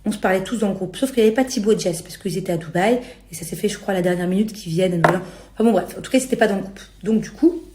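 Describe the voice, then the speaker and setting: A woman's voice: mid-range voice, racing, heavy background noise. A young adult woman from France talking casually to her followers, exasperated and justifying herself in colloquial slang. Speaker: reality TV personality. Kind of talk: casual spoken rant to followers. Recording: roomy echo on the voice.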